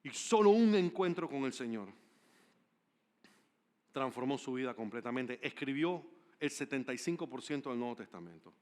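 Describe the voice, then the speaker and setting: A man preaching a sermon as pastor, telling stories with animated emphasis and swinging between loud declarations and hushed asides. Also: medium pitch, normal speed, long pauses. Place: church service.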